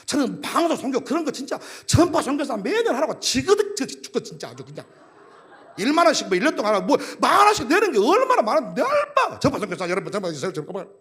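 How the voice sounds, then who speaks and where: A man preaching at a revival rally, joking and shouting his points, sometimes breaking into a half-sung line. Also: extremely high pitch, quick pace. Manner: animated and joking, shouts and half-sings for emphasis. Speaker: pastor.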